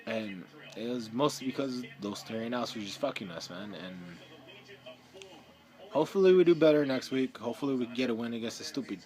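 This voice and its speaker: A young man ranting casually about his team's loss, profane, swinging between loud outbursts and low muttering. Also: animated, brisk. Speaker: fan vlogger. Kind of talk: casual sports rant.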